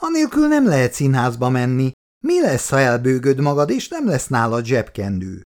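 A man's voice: medium pitch, huge pitch swings, darkish tone. A man voicing a doting, fussy middle-aged mother in a reading. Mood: fussing.

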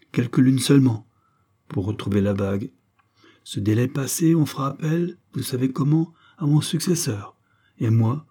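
A man's voice: lowish voice, dark tone, breathy edge. A man voicing a grave, formal male secret-society master in an audiobook, speaking in a solemn, ceremonious way.

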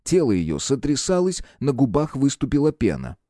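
A man narrating an audiobook in an expressive, varied reading style. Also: mid-range voice, moderate pace, no echo, studio quality. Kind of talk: scripted narration.

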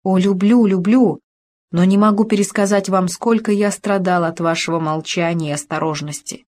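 A woman's voice: mid-range voice, steady tone, moderate pace, darkish tone, lightly acted. Woman reading as an ardent young baron. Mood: pleading. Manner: impassioned, pleading reading. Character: ardent young male officer, baron, lover. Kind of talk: audiobook reading of dialogue.

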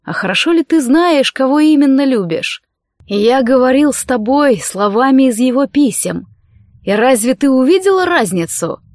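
A woman reading an audiobook, voicing a scheming young male sorcerer who speaks in a soft, coaxing, insinuating way. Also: high-pitched, lively intonation, normal speed, dry recording, clean studio sound.

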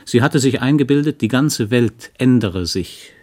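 A man narrating a literary audiobook with a calm, measured, low-key delivery. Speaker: audiobook reader.

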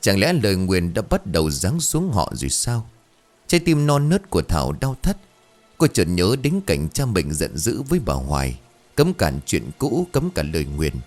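A man's voice: low-pitched, wildly swooping pitch, moderate pace, a little mellow, soft background music. A man narrating a ghost story in a dramatic, suspenseful way.

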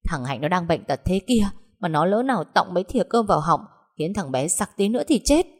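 A woman putting on a brawny farming woman with a short fuse, coarse and loud in her threats. She speaks in a lowish voice that rises sharply when she shouts. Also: very animated, a little fast. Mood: enraged. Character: furious hot-tempered peasant woman, older sister.

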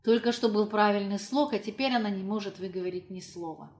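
A woman with a medium-pitched voice narrates a literary audiobook, telling the story in a measured, expressive manner.

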